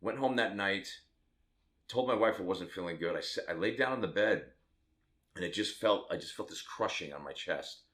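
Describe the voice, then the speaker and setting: A man's voice: low voice, lively intonation, normal speed, fairly bright tone. A man in his fifties from Las Vegas, a tattoo artist telling his own story to the camera in a candid, rambling way with self-mocking asides. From Las Vegas, Nevada, USA.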